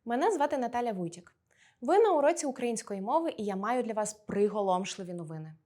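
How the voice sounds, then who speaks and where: A woman teacher from Ukraine giving a scripted online lesson, explaining in a playful, lively way with dramatic pauses. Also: a little high.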